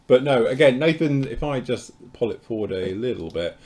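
A man's voice: mid-range voice, animated, moderate pace, a little mellow. A man hosting a casual live show about model kits, talking in a loose, rambling, chatty way as he explains things. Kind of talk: casual live-stream chat.

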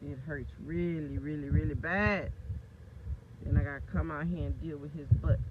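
A woman's voice: sits low, steady tone, moderate pace. A woman, getting over a cold, chatting loosely and animatedly as a vlog host outdoors. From Clarksville, Tennessee, US. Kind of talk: casual vlog chat. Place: outdoors, in a moving vehicle and on a breezy deck. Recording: tinny phone audio with loud wind and road noise.

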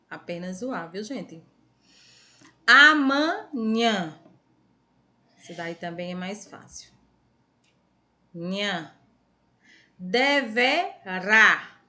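A woman's voice: mid-range voice, bright, forceful tone. A Brazilian woman teaching a recorded online class to young children, reading words syllable by syllable and cheering the kids on. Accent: Brazilian Portuguese. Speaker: primary school teacher.

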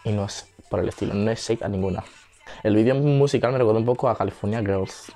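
A young man with a Spain Spanish accent giving chatty reaction commentary, now and then breaking into high squeals and gasps. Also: fast talker, warm tone, soft background music. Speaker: video reactor.

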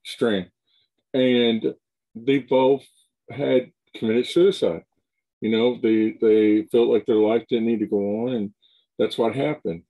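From a home room with collectible-filled shelves, a middle-aged show host conducts an interview by video call. His medium-pitched, mellow voice is fairly even and takes its time, loosely phrased with lots of restarts, on a rough recording.

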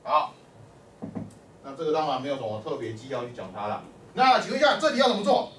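Slightly high and fast-talking, this man's voice swoops wildly in pitch as he teaches math. He keeps testing the class, calling "lai" and "o" to prompt answers. The lecture comes from far off in an echoey classroom, a faint hum in the background.

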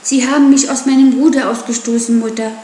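A woman's voice: fairly high pitch, a little slow, a little mellow, echoey room, a little hiss or hum, lightly acted. A woman voicing a defiant wild boy raised by wolves, scornful and taunting. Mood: resolute.

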